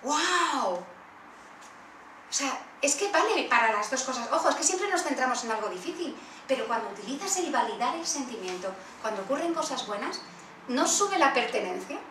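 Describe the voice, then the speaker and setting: A woman with a Spanish accent from Spain leading an interactive workshop, animated and acting out examples. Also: high voice, a little fast. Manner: animated, acts out children's voices in role-play. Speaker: workshop facilitator. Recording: roomy far-off room recording with faint noise.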